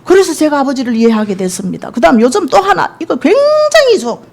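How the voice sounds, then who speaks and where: A woman's voice: sits high, big pitch swings, quick pace. A middle-aged woman evangelist giving a sermon testimony, telling stories with feeling and acting out quoted speech. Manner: emotional storytelling, acts out quoted speech.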